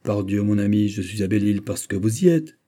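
A man reading the part of a shrewd, quick-witted musketeer in an audiobook, speaking with dry wit. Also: fairly low pitch, animated, warm tone, lightly acted. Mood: wry.

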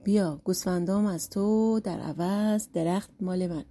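A woman voicing a naive, eager male shepherd who is easily fooled, in a storybook reading with a husky voice. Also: lowish voice, warm tone, close to an everyday voice. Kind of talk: storybook narration.

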